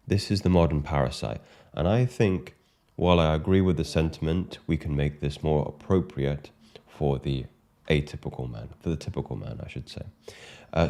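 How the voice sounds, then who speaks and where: A British man speaking as a coach in a monologue, measured and emphatic, often repeating his key phrases. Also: very deep voice, dark tone. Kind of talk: monologue to camera.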